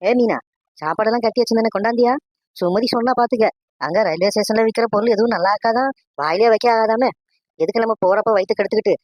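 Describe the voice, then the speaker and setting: A performer voicing a bossy, sharp-eared old village matriarch in a cartoon, with a scolding manner. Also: medium pitch, fast, no room sound, highs cut off, lightly acted. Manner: scolding, commanding. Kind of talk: animated cartoon dialogue.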